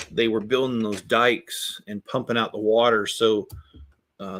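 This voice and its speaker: A middle-aged man with a mid-range, slightly bright voice hosts a casual Lego-building livestream, with slight background noise. He chats with live viewers in a rambling, self-deprecating, joking way.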